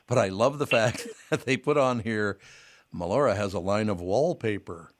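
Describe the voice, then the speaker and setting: A man with a lowish voice hosts a casual radio talk show at normal speed. He chats with his guest in a jokey, effusive way and often rambles.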